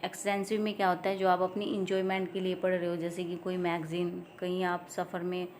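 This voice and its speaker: Indian lady teaching an exam prep class, goes over points again and again, reads english lines slow, bit of hiss. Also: lowish voice, monotone, a little mellow. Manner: explains and repeats points slowly, reads English definitions aloud deliberately.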